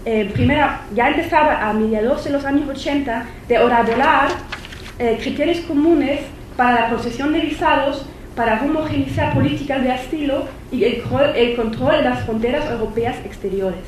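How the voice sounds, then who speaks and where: This German-accented woman, a non-native speaker, lectures at a university conference as a visiting academic, stumbling with fillers and frequent restarts. She has a high voice and a moderate pace, recorded in an echoey hall with faint noise.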